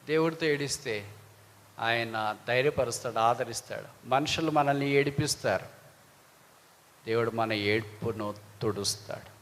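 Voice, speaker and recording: A male preacher delivering a dramatic sermon, swinging from hushed lows to loud pleading highs, with strings of repeated rhetorical questions. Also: measured pace, long reverb tail, slight background noise.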